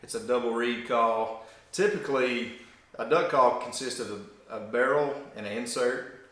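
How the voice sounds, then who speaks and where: A man's voice: medium pitch, steady tone, moderate pace, a bit bright. A man giving an informal, folksy hands-on explanation as a demonstrator of hunting calls. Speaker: duck call demonstrator. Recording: very echoey room.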